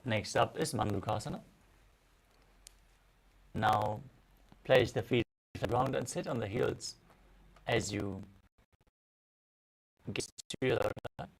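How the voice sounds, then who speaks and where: A man giving measured, step-by-step instruction as a yoga teacher leading posture practice. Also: fairly low pitch, vocal fry, low-quality recording.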